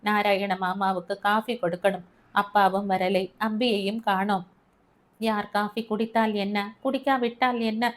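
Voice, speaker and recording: A woman's voice: medium pitch, fairly even intonation, moderate pace, natural voice. A woman voicing a worried older mother who scolds and grumbles, in a storybook reading. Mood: fretful scolding. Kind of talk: storybook narration.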